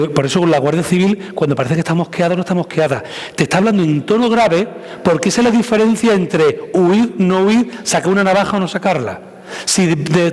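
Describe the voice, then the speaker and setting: A man tells stories to a live audience, jumping between voices as he acts out every quote. His voice sits a little high for a man, and it rings out with a long reverb, as though he were at the front of a big hall. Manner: animated, acts out quotes with shifting pitch and volume. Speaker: public speaking trainer giving a talk. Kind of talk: storytelling lecture to a live audience.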